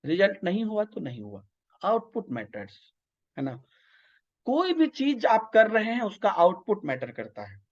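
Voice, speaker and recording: A male teacher with an eastern Hindi-belt accent delivers an online exam-prep lecture in a fairly high voice. He explains patiently through everyday examples and keeps checking that his listeners follow. The audio is a little dull and lo-fi. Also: wildly swooping pitch, measured pace. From north India.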